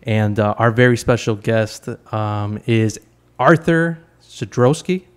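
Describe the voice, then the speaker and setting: This is a man in his thirties hosting a podcast from home in a casual interview chat. His voice is lowish and clean, his pace slow, and he comes across eager and friendly, often stumbling and repeating words while asking questions.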